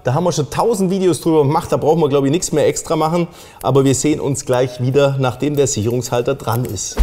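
A man's voice: on the high side, dark tone, a little hiss or hum. A middle-aged man explaining a car audio installation step by step in a casual, plain way while he works in a workshop. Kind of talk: hands-on installation tutorial.

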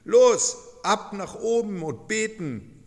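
A man voicing a bossy adult ship captain who gives brisk, commanding orders. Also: high voice, lively intonation, long reverb tail, pitched above the performer's own voice. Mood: urgent.

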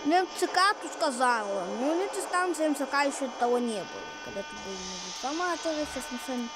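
A woman giving casual, rambling game commentary in halting, repetitive phrases. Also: high-pitched, lively intonation. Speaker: gamer commentating. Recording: loud noise from train game. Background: train game sounds.

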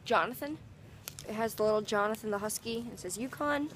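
A woman's voice: a little high, fairly quick, fairly bright tone, slight background noise. Bubbly giggly teen girl vlogging. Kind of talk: casual vlog chat. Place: outdoors in cold weather and in a car.

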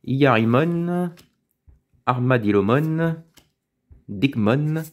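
A man chatting casually as he opens card packs, reading out names slowly and muttering asides. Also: medium pitch, expressive. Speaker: card-opening video host. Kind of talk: casual pack-opening commentary.

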